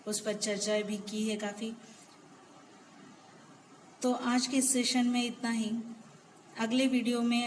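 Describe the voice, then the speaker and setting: A woman's voice: on the high side, long reverb tail, a little hiss or hum, low-quality recording. A woman teaching a grammar lesson, patiently explaining and listing many examples.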